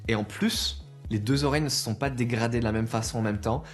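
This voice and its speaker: A man's voice: mid-range voice, fast talker, faint music behind. A man giving an opinionated consumer rant to viewers, exasperated and emphatic, conversational and full of rhetorical questions. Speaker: video presenter.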